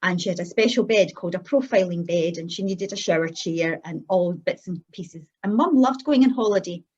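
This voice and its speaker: A middle-aged or older Scottish woman giving an unscripted personal testimony as a guest, speaking in an earnest, halting, anecdotal way. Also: lowish voice, lo-fi sound.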